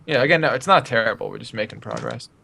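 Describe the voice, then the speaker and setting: A man's voice: mid-range voice, animated, quick pace, gravelly, sharp tone, a little hiss or hum. A man co-hosting a live-stream podcast, upbeat, plugging streams and giveaways. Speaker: podcast co-host. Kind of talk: casual live-stream chat.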